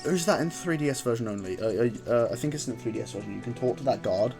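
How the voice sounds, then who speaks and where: Rambly guy streaming a game, low gravelly voice, music playing under it. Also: expressive, very fast. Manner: rambling, chatty, self-interrupting. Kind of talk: casual gameplay commentary.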